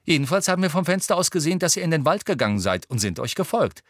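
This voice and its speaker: A man's voice: on the high side, sing-song, fast talker, no echo, clean studio sound, voice pushed up. A man voicing a brash, cheeky teenage wizard boy with an offhand, cocky manner in an audiobook.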